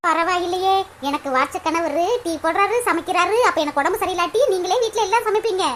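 A woman voicing Priya, a young cartoon wife who is soft-spoken and apologetic, with a Tirunelveli Tamil accent. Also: very high voice, fast talker, a little hiss or hum. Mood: shy.

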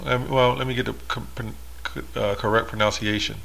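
A man's voice: medium pitch, fairly even intonation, a little fast, vocal fry, a bit bright. A man reading Bible verses aloud and explaining them in a monologue, with rhetorical asides. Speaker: religious commentator.

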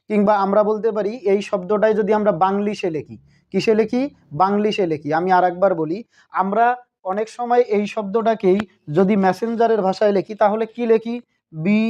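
A man's voice: high voice, a little mellow. A man from Bangladesh teaching a grammar lesson, who keeps asking questions and answering them himself. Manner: asks questions and answers them himself, repeats key points. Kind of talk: recorded video lesson. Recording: dull lo-fi recording.

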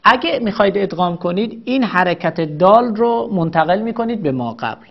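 A woman teaching a recorded grammar lesson, explaining patiently and repeating each example slowly. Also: medium pitch, expressive, lo-fi sound.

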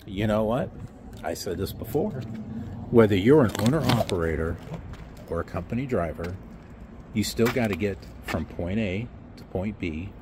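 Against a noisy background, a middle-aged trucking vlogger rants outdoors by a block wall into an arm's-length phone, sarcastic and loaded with fillers. His lowish voice is animated and moves at a normal speed.

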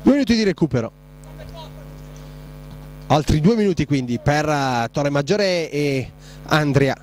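A man giving breathless, excitable live play-by-play commentary on a futsal match. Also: on the high side, unhurried, slight background noise, poor audio. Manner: breathless, excitable, shouting on goals.

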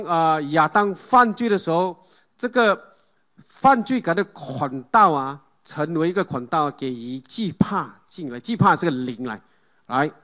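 A man's voice: on the high side, a bit bright. A man preaching a sermon, calling out Amen and Hallelujah and putting questions to the congregation. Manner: asks the congregation questions and leads group reading.

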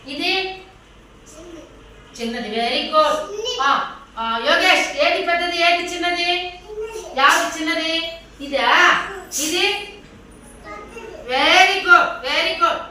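A woman's voice: very high voice, unhurried, long pauses, bright, forceful tone, slight background noise. A woman preschool teacher coaxing small children with repeated questions in a classroom lesson. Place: echoey classroom. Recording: echoey room, distant mic.

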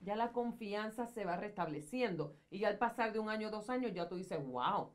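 A woman's voice: mid-range voice, animated, moderate pace. A middle-aged woman speaking earnestly as a guest on a studio advice talk show, counseling and explaining in a conversational way. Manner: earnest, counseling, gestures widely while explaining. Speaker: social communicator guest. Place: studio set in armchair.

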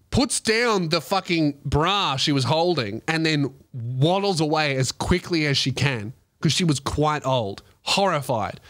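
A young man, a comedian host, telling a profane, self-mocking comedy story with animated delivery. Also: on the high side.

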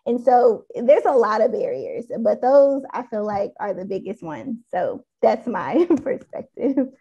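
A woman's voice: fairly high pitch, big pitch swings, unhurried, gravelly, warm tone, husky. A woman speaking as a panelist on a video call, candid and thoughtful, with frequent "um" and "like". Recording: dull lo-fi video call audio.

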